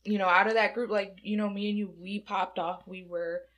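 A woman's voice: medium pitch, little pitch movement, fairly quick, a bit bright. A woman in her twenties from Michigan, co-hosting a podcast in casual chat, talkative, laughing often and swearing freely. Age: 20s. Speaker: podcast co-host.

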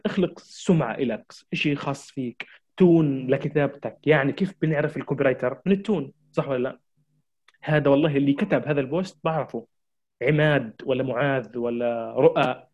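A man lecturing a room on marketing, rattling off his points at a quick clip. His voice sits at an ordinary middle pitch, and he keeps circling back to the same urgent advice, speaking straight to his listeners. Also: darkish tone, dull audio. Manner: urgent, repetitive exhortations, addresses listeners directly. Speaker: marketing trainer. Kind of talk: lecture to an audience.

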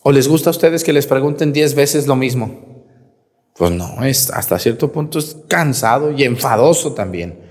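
Teasing priest in a reverberant church. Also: male voice, mid-range voice, lively intonation, moderate pace, darkish tone. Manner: colloquial, teasing, rhetorical questions to the congregation. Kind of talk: homily at Mass. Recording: long reverb of a large church.

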